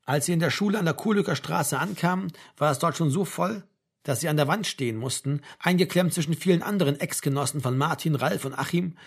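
A man narrating a novel in a calm, even reading voice. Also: a little high, fairly quick, vocal fry, husky. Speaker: audiobook reader.

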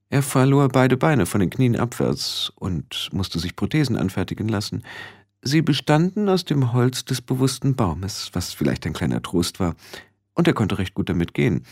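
A man voicing a stern, sharp-tongued old female witch in an audiobook, speaking in firm, clipped commands. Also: on the low side, sing-song, normal speed. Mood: hushed. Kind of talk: audiobook reading.

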